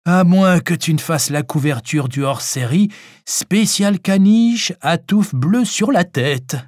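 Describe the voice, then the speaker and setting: A man reading an audiobook, voicing a mocking old man who drawls out his jokes slowly. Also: high-pitched, expressive, darkish tone, no room sound, clean studio sound, voice pushed up. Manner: slow, mocking.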